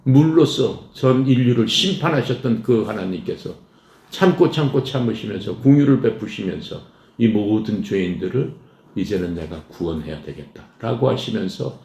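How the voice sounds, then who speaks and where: A man preaching a sermon who keeps asking the congregation questions and answering them himself. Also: lowish voice. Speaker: pastor. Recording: echoey room with faint noise.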